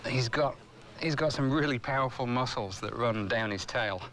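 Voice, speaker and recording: A crocodile expert with a medium-pitched, fairly bright voice speaks at a moderate pace, explaining things unscripted outdoors on location for a nature documentary. Music and outdoor location sound are in the recording.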